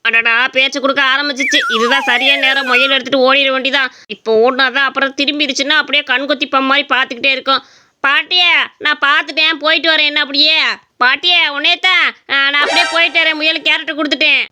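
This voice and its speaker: A woman voicing a scheming young man who steals rabbits, sly and fast talking. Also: high-pitched, steady tone, bright, forceful tone. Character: scheming young male rabbit thief, the grandson.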